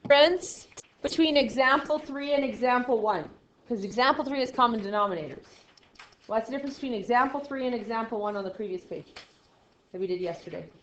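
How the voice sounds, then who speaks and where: A woman in her forties runs a math class with a playful, teasing energy. Her voice sits a little high. The sound is echoey and lo-fi, with a faint hiss behind her. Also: a little fast. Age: 40s. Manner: lively, playful and teasing with students. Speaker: math teacher. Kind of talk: classroom lesson. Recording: echoey room, dull lo-fi sound, faint noise.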